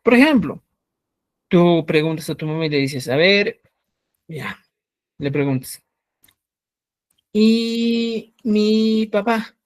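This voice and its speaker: A woman leads a live online language lesson, her voice low and her pace slow and patient. She keeps checking in with her students and stretches out key words. The sound is dry and close to the mic. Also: dry recording. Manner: explains step by step, often checks in with "ya?". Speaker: Quechua language teacher.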